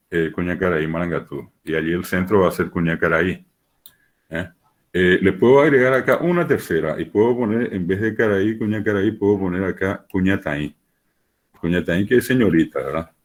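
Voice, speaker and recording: A man's voice: deep voice, darkish tone. A man teaching a lesson, explaining patiently and steadily with many repeated examples over what sounds like a video call. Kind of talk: lecture.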